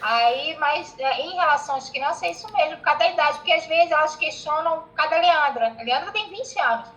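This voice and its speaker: A woman with a high, bright voice moderates a relaxed online group chat. She is chatty and laughs as she talks. She calls on the next person to speak. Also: a little fast, highs cut off. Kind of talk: casual online group talk.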